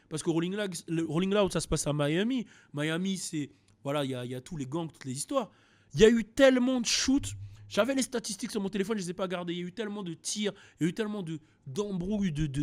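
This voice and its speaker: A young man from France giving casual, animated rap news commentary, with frequent fillers and restarts. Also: high voice, fast.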